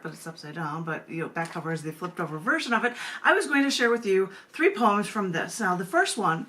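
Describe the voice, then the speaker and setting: An American woman with a slightly bright, lowish voice hosts a poetry open mic from home over a video call. She is both host and poet, chatty and prone to rambling asides, picked up by her video call microphone indoors.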